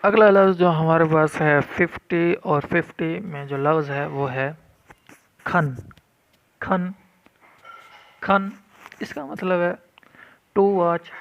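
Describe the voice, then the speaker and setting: A man's voice: a little high, vocal fry. A man teaching vocabulary, repeating each new word several times in a firm drill and mixing English glosses into his explanations. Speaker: language teacher. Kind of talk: vocabulary lesson. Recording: dull lo-fi recording.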